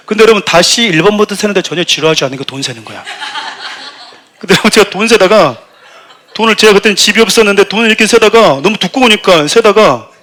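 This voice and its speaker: A middle-aged man, the senior pastor of the church, preaching a sermon full of funny stories and acting out quotes with raised voice. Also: high voice. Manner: animated storytelling, acts out shouted quotes. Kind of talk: sermon with humorous anecdotes.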